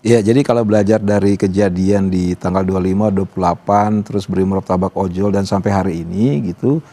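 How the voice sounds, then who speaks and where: Speaking fairly quickly in a low, mellow, steady voice, a man joins a live studio talk show as an activist guest. His talk is relaxed and chatty, full of fillers like "gitu" and "apa namanya."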